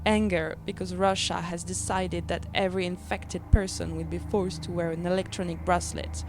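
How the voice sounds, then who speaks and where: A woman's voice: lowish voice, flat delivery, normal speed, background noise. A woman delivering a bitter, angry spoken-word monologue in non-native English. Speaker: performance artist. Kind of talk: spoken-word art piece over music. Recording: spoken over loud music. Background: loud music.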